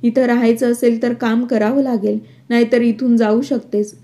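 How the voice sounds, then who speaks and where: A hot-headed young husband with a sharp tongue, voiced by a woman reader. Fairly high, level and mellow, in a narrated storybook. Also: level tone, normal speed, lightly acted.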